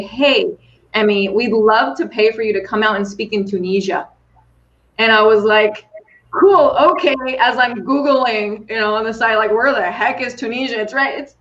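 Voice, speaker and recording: A woman who works as a coach and keynote speaker, telling an enthusiastic, animated story during a podcast conversation. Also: on the high side, lo-fi sound, slight background noise.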